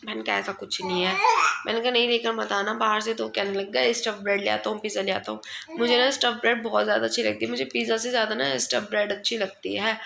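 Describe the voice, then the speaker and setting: A young woman talks casually into her phone camera at home, rambling through her day and quoting her husband's replies. Her voice sits a little high and sounds bright and gravelly. Faint room noise hums behind her. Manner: chatty, rambling, often quotes her husband. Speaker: family vlogger. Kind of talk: casual home vlog chat. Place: at home indoors.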